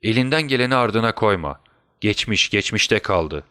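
A man's voice: lowish voice, animated, normal speed, sharp tone, dry recording, studio quality. A man doing Sherlock Holmes, bedridden and feverish. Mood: faint. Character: sick, feverish male detective, clever.

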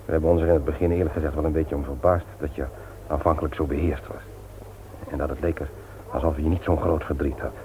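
In a tinny, noisy old Dutch radio play recording, an actor with a steady bass voice plays Willem, an earnest, frank friend, husband and doting father. He speaks in a measured, earnest and admonishing way.

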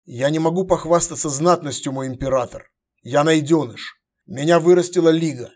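A man voicing a humble young male warrior who speaks quietly and deferentially. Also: on the high side, moderate pace, close to an everyday voice.

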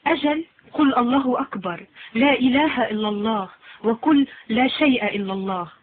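A woman's voice: on the high side, a little fast, natural voice. A woman reading as a solemn mystic seer. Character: mystic female seer, calm and certain. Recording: lo-fi phone-like sound.

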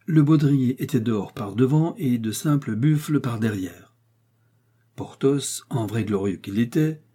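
A man narrating an audiobook of a classic novel in a measured, deliberate way. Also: mid-range voice, warm tone, husky.

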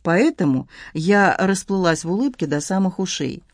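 A woman narrating a first-person novel in a lively, ironic storytelling manner. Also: fairly low pitch, moderate pace, dry recording, clean studio sound. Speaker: audiobook narrator.

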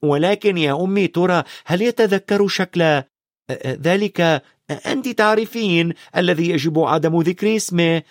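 A man voicing mischievous teenage twin boys in a storybook reading, playful and loud. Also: high-pitched, moderate pace, no echo, studio quality, pitched above the performer's own voice, natural voice. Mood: sly.

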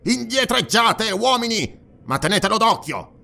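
Sex: man. Figure: man doing a shouting, blustering guard captain. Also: sing-song, measured pace, vocal fry, full character voice. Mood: grudging. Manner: shouting high and forceful.

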